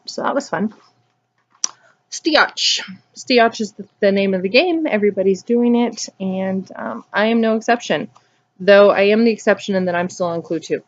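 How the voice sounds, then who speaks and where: A woman's voice: lowish voice, lo-fi sound. A woman in her thirties chatting casually through a cross-stitch and sewing show-and-tell, upbeat and rambling with plenty of ums. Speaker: flosstube vlogger.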